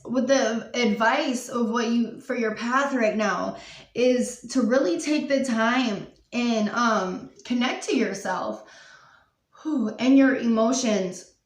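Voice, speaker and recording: A woman's voice: fairly high pitch, roomy sound, distant mic. A woman giving a pick-a-card tarot reading, earnest and emotional, full of "um" and "like" as she talks. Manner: emotional, earnest, frequent fillers and "like". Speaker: tarot reader.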